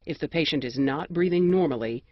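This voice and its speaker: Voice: mid-range voice, dry recording, dull audio. Dry, precise American instructional narrator. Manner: measured, precise, formal.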